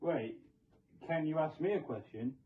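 A man's voice: fairly high pitch, expressive, measured pace. A man rambling hesitantly with many fillers in a comedy skit and fursuit showcase, recorded on lo-fi audio. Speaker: fursuit video creator. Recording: lo-fi muffled recording.

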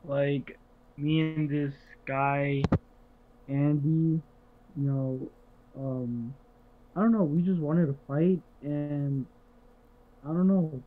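A man's voice: fairly high pitch, fairly even intonation, slight background noise. Man on a muffled, tinny headset mic. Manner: hesitant, with many ums and pauses. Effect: muffled lo-fi headset mic, sounding underwater. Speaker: podcast co-host. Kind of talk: casual chat.

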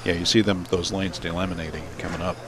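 This man's voice is low-pitched and fairly flat, and he talks fast. He's giving live play-by-play commentary at a bowling center, chatting between shots. It's a live broadcast, with crowd and bowling noise behind him.

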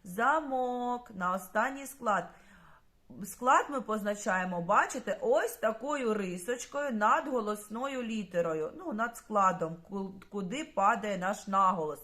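A woman's voice: mid-range voice, a bit bright. A woman teaching a primary school lesson, speaking patiently and addressing the children directly.

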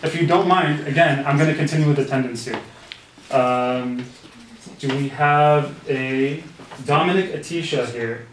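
A man's voice: fairly high pitch, measured pace, slight background noise, natural voice. A man playing a strict, sarcastic teacher taking attendance in an amateur comedy skit. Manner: dry, sarcastic remarks. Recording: roomy echo, distant mic.

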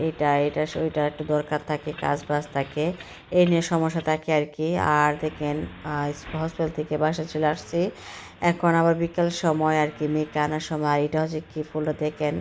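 A woman's voice: low voice, a little mellow, slight background noise. A woman in her thirties from Bangladesh chatting casually through a walking vlog outdoors, rambling with many fillers and restarts, her throat still recovering from soreness. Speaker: vlogger. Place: outdoors on a city street.

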